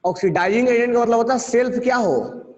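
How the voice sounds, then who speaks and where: Man, chemistry teacher, mix, repeats key words slowly, quizzes students, high voice, hall reverb. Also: highs cut off. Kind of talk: classroom lecture.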